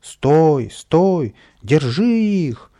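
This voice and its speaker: Cross storybook gardener, scolding loudly, a man reading him, gravelly. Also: medium pitch, normal speed, close to an everyday voice. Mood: angry. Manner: shouting, scolding. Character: angry male park gardener chasing kids.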